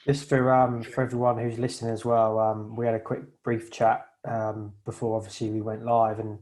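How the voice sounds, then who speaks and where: A man's voice: on the low side, little pitch movement, normal speed, darkish tone. Easygoing man, podcast co-host. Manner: easygoing, hesitant, jokey. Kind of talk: casual podcast hosting.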